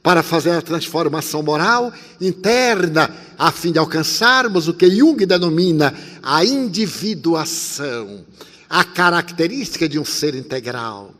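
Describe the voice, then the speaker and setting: An older man in his eighties preaches in a high, bright voice that rings with a long hall reverb. He tells his story animatedly, dropping to a hush and rising again as he acts out each exchange. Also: a little slow. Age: 80s. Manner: animated, swings from loud to soft, acts out dialogue. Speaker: spiritist speaker. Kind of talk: sermon with storytelling.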